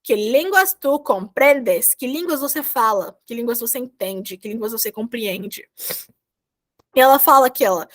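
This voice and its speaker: High-voiced woman teaching Spanish verbs. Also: moderate pace, fairly bright tone. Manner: patient, repetitive step-by-step explaining. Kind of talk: online class explanation. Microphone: video call.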